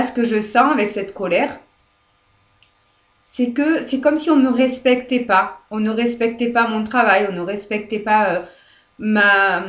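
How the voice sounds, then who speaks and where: A French woman therapist guiding viewers through releasing anger, speaking softly and hesitantly, often asking "d'accord?" and near tears. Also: medium pitch. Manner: soft, repetitive, often checks with "d'accord?"; hesitant, many fillers and restarts. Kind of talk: live guided demonstration. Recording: echoey room.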